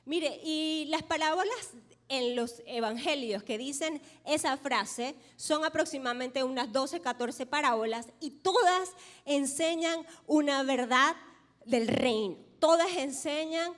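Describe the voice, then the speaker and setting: A woman pastor with a high voice delivers a sermon. She reads scripture and calls on the congregation to repeat phrases after her. Her voice carries with a long, ringing church reverb. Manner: leads the congregation in call-and-response repetition; reads scripture aloud, slowing for emphasis. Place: church sanctuary.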